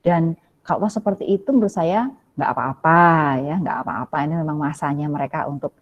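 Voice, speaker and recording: A woman speaking on a video call, explaining child development gently and with many hesitations while answering a parent. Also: low voice, fairly quick. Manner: gentle, hedging, many fillers and "ya" tags. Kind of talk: live webinar Q&A, explaining to a parent. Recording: dull lo-fi video call audio.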